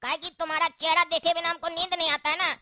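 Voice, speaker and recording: A woman's voice: extremely high pitch, flat delivery, quick pace, pushed and bright, dry recording, studio quality. A woman voicing a boastful, cocky young male troublemaker in a cartoon, bragging and teasing. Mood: brash.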